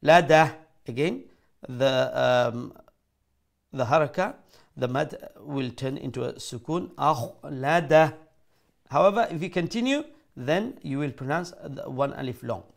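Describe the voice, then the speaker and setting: A man teaching Quran recitation, modelling each word slowly and switching into English to explain. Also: medium pitch, lively intonation. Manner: slow, deliberate, repeats words to model pronunciation, mixes English into explanations. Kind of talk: tajweed lesson, letter-by-letter.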